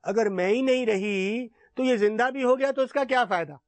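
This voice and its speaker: A woman's voice: a little high, moderate pace, dry recording, voice pushed up, natural voice. A man voicing a young wife who pleads her way out of the guru's request. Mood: excusing. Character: young wife, self-interested.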